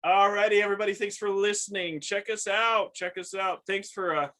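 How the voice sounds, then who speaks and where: A man's voice: high-pitched, steady tone, brisk, pushed and bright. A man co-hosting a comedy podcast, easygoing and laughing along in casual chat. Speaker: podcast co-host.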